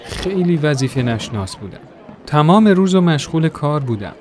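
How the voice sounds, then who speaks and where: A man reading a first-person story aloud in a gentle, reflective way. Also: high-pitched. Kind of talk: scripted narration of a story. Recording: soft music behind the voice.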